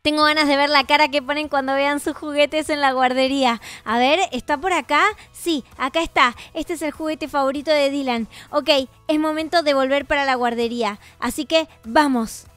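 A woman's voice: sits high, steady tone, normal speed, few pauses, a bit bright, no room sound, faint music behind. A woman with an Argentine accent narrating a game role-play and speaking in a tender, soothing, motherly way. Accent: Argentine Spanish.

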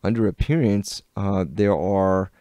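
A man with a Southern US accent giving an unhurried, step-by-step walkthrough of a web design tool in a screen-recorded tutorial. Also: on the low side, steady tone, warm tone, dry recording, highs cut off.

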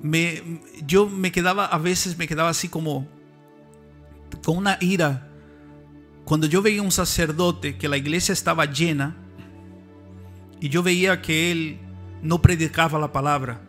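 Middle-aged guy preaching, fervent and emphatic, high voice, soft music under it. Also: fairly even intonation, a little slow, pauses often. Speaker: preacher, missionary. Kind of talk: sermon. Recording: faint music behind. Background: faint music.

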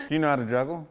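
A man hosting a game show off camera, brisk and teasing with contestants. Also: very high voice, sharp tone, a little hiss or hum.

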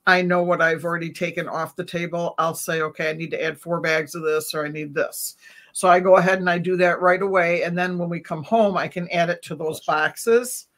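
A middle-aged woman on a video call from home, calmly explaining her routine step by step as an interview guest. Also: on the low side, fairly quick. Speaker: reptile vendor guest. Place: home room. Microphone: webcam on a video call.

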